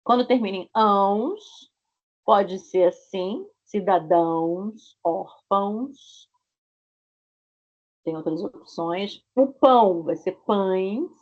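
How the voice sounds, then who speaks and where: A woman, teaching Portuguese in an online lesson, explaining slowly and patiently with repeated examples over a video call. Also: mid-range voice, expressive. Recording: dull lo-fi video call audio.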